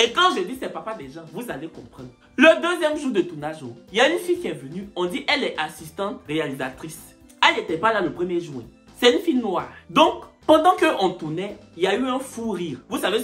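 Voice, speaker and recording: Animated woman telling a comic story. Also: medium pitch. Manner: animated, acts out other people's voices and shouts. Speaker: comedian storyteller.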